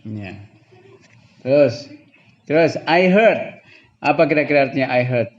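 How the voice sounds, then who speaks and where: Through a muffled recording, a man with an expressive mid-range voice gives a classroom lesson on pronouncing English. He explains slowly and patiently in two languages, often drifting into chuckles.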